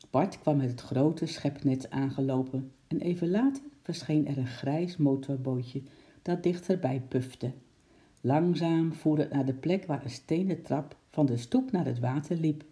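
A man reads a children's story aloud with a very dark, mellow tone at a middle pitch. He tells it in a lively way, stepping into voices for each character. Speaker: narrator.

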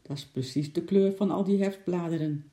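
A man voicing a gruff, excitable uncle in a children's story. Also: high voice, normal speed, natural voice. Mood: grumbling. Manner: grumbling, then excited. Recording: roomy echo.

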